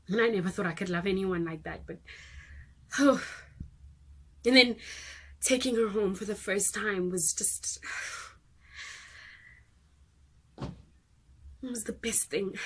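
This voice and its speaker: A woman playing a breathy, halting young mother. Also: mid-range voice, a bit bright. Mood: tender, wistful. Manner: halting, with repeated restarts. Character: young mother recounting her baby's death. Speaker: monologue actor. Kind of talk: dramatic monologue.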